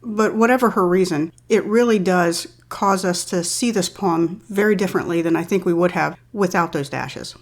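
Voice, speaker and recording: A woman reading a poem aloud and then explaining it in a calm, measured way, like a literature teacher. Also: lowish voice. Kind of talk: poetry reading and analysis.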